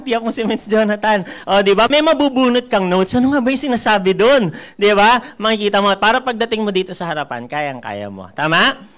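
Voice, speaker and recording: A man with a Filipino accent, a network marketing mentor giving a lively seminar talk, teasing the crowd and asking it questions. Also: sits high. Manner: animated, teasing, keeps asking the room "di ba?". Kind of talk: live seminar talk to an audience. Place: seminar room with a live audience.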